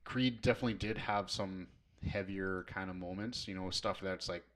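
A man's voice: sits low, fairly even intonation, moderate pace, fairly bright tone. A man co-hosting a podcast in casual chat, enthusiastic and rambling as he talks. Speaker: podcast co-host.

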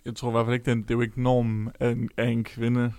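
A man's voice: mid-range voice, completely flat delivery, darkish tone, dry recording. A young man chatting casually on a podcast, hesitant and full of filler sounds.

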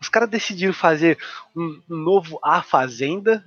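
Husky Brazilian podcast host. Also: male voice, on the high side, expressive, normal speed, no echo. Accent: Brazilian Portuguese. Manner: joking, rambling, restarts often. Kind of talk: casual chat. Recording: dull lo-fi sound, faint music.

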